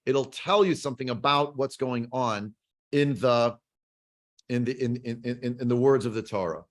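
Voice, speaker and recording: A man's voice: mid-range voice, moderate pace. A man teaching a Bible class over a video call, digressive, full of fillers and rhetorical questions. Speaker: Torah teacher.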